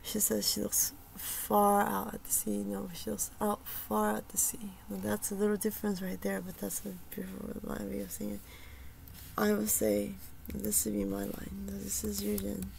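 A woman talks casually and hesitantly about a poem, her words full of fillers and repeated starts. Her voice is heavily creaky and gravelly, with a middling pitch. She often sinks into a soft near whisper. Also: completely flat delivery, moderate pace, a little hiss or hum, low-quality recording.

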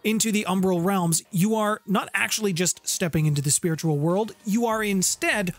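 Background music accompanies a middle-aged tabletop lore channel host as he presents a scripted game-lore explainer, playful and theatrical, in a voice that sits high at a moderate pace. He's recording indoors in a room with guitars, close on a studio condenser mic fitted with a pop filter.

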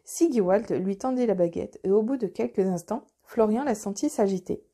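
A woman narrating a children's audiobook in a gentle, expressive way. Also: medium pitch, normal speed. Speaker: storyteller.

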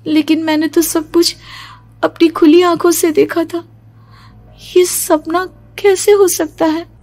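Woman, high voice, slow pace, first-person horror narration, suspenseful, dramatic. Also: flat delivery, a little mellow. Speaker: storyteller.

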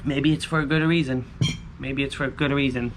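A man's voice: medium pitch, steady tone, a little fast. A man in his thirties chatting casually to viewers as host, in short, repetitive, informal phrases, recorded outdoors on a patio. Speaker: scratch-off lottery video host. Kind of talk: casual chat to viewers while scratching tickets. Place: covered outdoor patio by a pool. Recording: clear ambient background noise.

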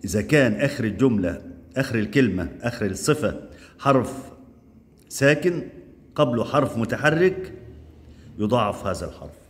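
In a large hall, a man with a mid-range, lively voice gives a classroom lesson on English grammar in Egyptian Arabic. He fires off quick questions, answers them himself, and drills word forms out loud.

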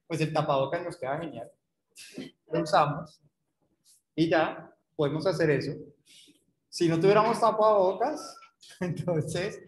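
A man lectures to a class online, walking through each step and pausing to ask his listeners rhetorical questions. His voice sits a little high for a man. The room around him is echoey. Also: slight background noise.

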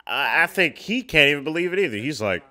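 A man's voice: on the high side, very animated, quick pace, pushed and bright. A man hosting a film reaction, exclaiming, repeating himself and laughing often as he comments.

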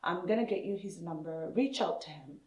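A woman from Somalia recounts her own story in an interview, standing indoors. Her voice sits fairly low for a woman, and she lifts it to act out other people's words. The room gives the sound an echo. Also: brisk. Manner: animated, acts out quoted speech with rising pitch. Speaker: interviewee, hockey parent and player. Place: indoors in a room with equipment shelves. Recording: roomy, echoey indoor sound.

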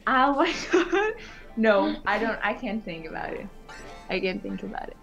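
A woman's voice: mid-range voice, sing-song, moderate pace, gravelly, a bit bright, lo-fi sound, soft background music. Tipsy woman with a bouncy voice. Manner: hesitant, giggly, lots of fillers. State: drunk. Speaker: stranger on a video chat.

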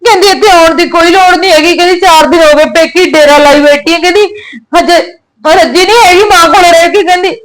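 Young actress as high-pitched Punjabi daughter, tearful and pleading, then reproachful. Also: female voice, a little fast, close to an everyday voice, rough recording.

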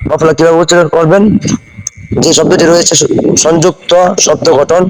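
A man giving a slow spelling lesson, repeating each word and asking if the viewer understood. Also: on the high side, little pitch movement, a crowd in the background. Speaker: teacher. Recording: long hall reverb.

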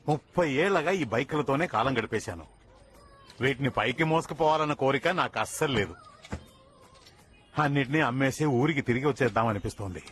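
An actor playing a tired, resigned middle-aged bike-shop owner. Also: male voice, medium pitch, expressive, fairly quick, fairly bright tone, a little hiss or hum, natural voice.

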